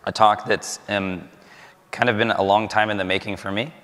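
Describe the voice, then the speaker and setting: A man giving a conference talk, halting with many ums and uhs, losing his voice and clearing his throat. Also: fairly low pitch, flat delivery, a bit bright, long reverb tail. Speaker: conference speaker. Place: conference stage.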